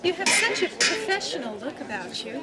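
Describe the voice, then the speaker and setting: A woman's voice: sits high, sing-song, fairly quick, very noisy. An actress playing a flirtatious, sarcastic woman in a television drama, with a coy, theatrical manner. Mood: coy flirting. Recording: loud party crowd behind.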